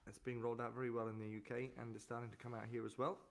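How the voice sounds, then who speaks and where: A man chatting casually on a live music stream from home, rattling off news softly and fast with plenty of ums and uhs. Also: medium pitch, little pitch movement, gravelly, slight background noise. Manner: rapid, soft-spoken rambling with many fillers. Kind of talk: casual chat between songs. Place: home room, streaming online.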